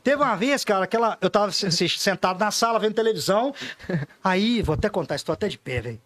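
A man on a podcast as the guest, telling funny stories in a casual, animated way and acting out the voices of the people in them. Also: high voice, fast, no echo. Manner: animated, acts out voices in anecdotes, says "cara" often. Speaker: podcast guest, store owner. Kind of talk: casual storytelling chat.

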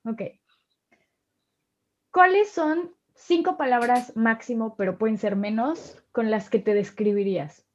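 A woman's voice: a little high, measured pace, highs cut off. A woman interviewing a guest, asking short questions and prompting answers. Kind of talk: casual interview.

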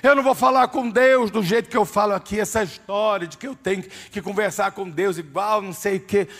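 A man's voice: sits high, fairly quick, a bit bright. A man preaching a sermon in a church, emphatic and speaking straight to his listeners. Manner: emphatic, addresses listeners directly as "my dear". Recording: reverberant hall with music behind.

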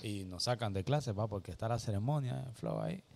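A man, telling a funny anecdote in an animated, slangy way on a casual podcast. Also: lowish voice, a little fast, vocal fry. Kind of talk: casual storytelling.

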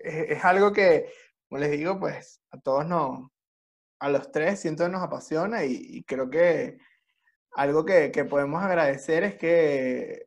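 A Venezuelan man hosting a casual chat, telling lively stories and laughing often. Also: fairly high pitch, measured pace. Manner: animated storyteller, laughs often.

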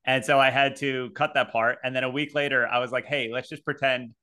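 Bright-voiced young man, casual and sweary. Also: medium pitch, level tone, fairly quick, clear, resonant tone. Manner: swears freely, laughs often, self-deprecating. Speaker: podcast host. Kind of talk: casual chat.

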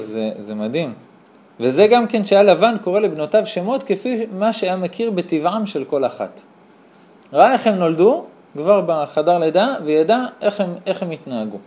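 A man, a rabbi, teaching a lively Torah class to a small live audience, telling stories, acting out dialogue and asking his listeners rhetorical questions. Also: fairly high pitch. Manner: animated storyteller who acts out dialogue.

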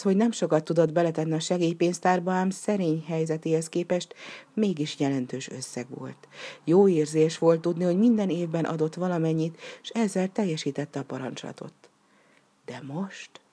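A woman narrating a story in a steady, expressive reading style. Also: deep voice.

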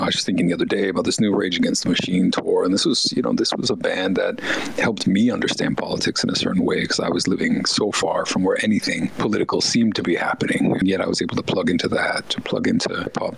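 A man's voice: low-pitched, gravelly, a little hiss or hum, low-quality recording. A man from rural Maine, a professor being interviewed, talking articulately with many filler phrases. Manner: articulate, lots of filler "you know".

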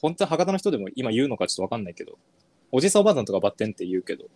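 A man from northern Kyushu, Japan, co-hosting a podcast in relaxed, chatty conversation, often trailing off and restarting. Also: mid-range voice, very fast, no echo. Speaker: podcast co-host. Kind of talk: casual chat.

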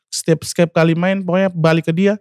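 A man's voice: fairly high pitch, level tone, fast, darkish tone, smooth, no room sound, clean studio sound. Young man telling an emotional story. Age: 20s. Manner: emotional, refers to himself by name, many fillers. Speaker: singer guest. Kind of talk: personal storytelling.

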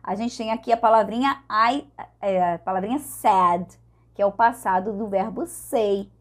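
A woman with a Brazilian Portuguese accent teaching English pronunciation through a song, slowly repeating and demonstrating sounds. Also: medium pitch. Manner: slow, careful demonstration of sounds, repeats words. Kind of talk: pronunciation lesson, singing lines then explaining.

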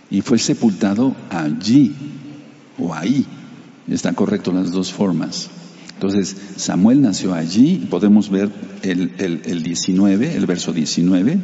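A man with a low, mellow voice preaches a sermon, reading Bible passages and turning to the congregation to explain them. The sound is dull and carries a long hall reverb. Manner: reads scripture then explains it, addressing the congregation; uses Hebrew terms for sacred names.

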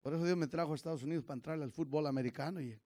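A male pastor preaching a sermon, moving from loud sung praise to quiet storytelling and joking asides to the congregation. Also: racing. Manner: swings from shouted sung praise to low storytelling. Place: church.

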